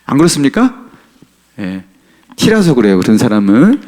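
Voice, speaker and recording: A male pastor delivers a conversational Sunday sermon at normal speed, his pitch swooping wildly. He often asks the congregation questions and chuckles while talking, shifting between emphatic raised lines and soft, low asides.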